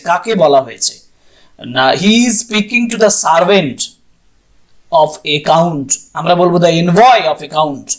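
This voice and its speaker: A teacher with a Bengali accent explaining exam questions, repeating each point in two languages and spelling out words. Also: mid-range voice. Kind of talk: exam-prep lesson in Bengali and English.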